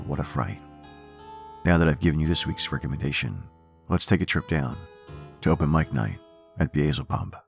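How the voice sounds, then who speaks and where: A man's voice: rumbling low, gravelly. A man narrating scripted horror as a theatrical, macabre horror host on a podcast. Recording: music behind the voice. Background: background music.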